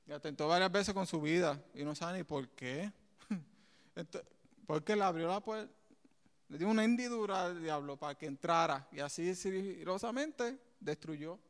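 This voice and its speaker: High, resonant man preaching in a hall. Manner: animated preaching with asides and laughter. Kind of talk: sermon.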